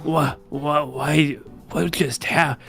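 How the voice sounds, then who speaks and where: A man voicing a dry, sarcastic young male investigator in an improvised comedic fan dub, deadpan and teasing. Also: a little high, slow pace, creaky, soft background music, heavily acted.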